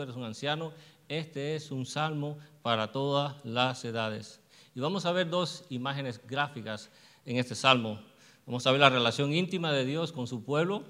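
A man preaching a sermon in a church. He asks the congregation questions, answers them himself, and slows down to stress the verses. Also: medium pitch, bright, forceful tone. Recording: long hall reverb.

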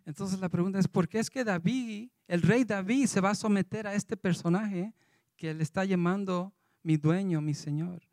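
A man with a fairly high, mellow voice preaches a sermon in a loose, conversational way, reading scripture passages aloud between his remarks. The sound is dry and close. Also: moderate pace, no echo.

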